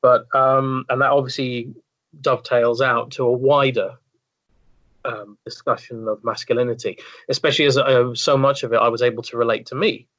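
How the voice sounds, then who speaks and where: Flat-voiced male podcast guest, lo-fi. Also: medium pitch, moderate pace. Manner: talkative, repeats words, thoughtful. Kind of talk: casual podcast chat. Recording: dull lo-fi sound.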